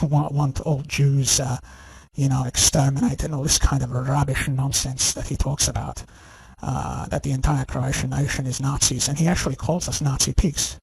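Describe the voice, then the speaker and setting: Speaking straight to his viewers, this male channel host delivers a rambling, scornful, insistent rant full of "you know" and "okay?". His mid-range voice carries vocal fry, a breathy edge, and a slight mellowness. There's no room sound, and the recording quality is low.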